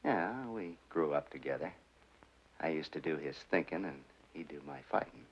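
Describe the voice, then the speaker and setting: An actor playing a sly gangster who turns jittery and defensive, on a 1940s film soundtrack. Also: male voice, a bass voice, animated, moderate pace, breathy edge, full character voice. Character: sly male gangster, terrified and guilty. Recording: dull old film soundtrack with music.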